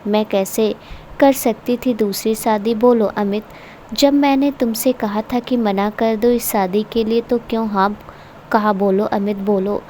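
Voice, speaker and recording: A woman's voice: medium pitch, fairly even intonation, measured pace, mellow, a little hiss or hum, close to an everyday voice. A woman voicing a grieving young widow who speaks in a bitter, accusing way.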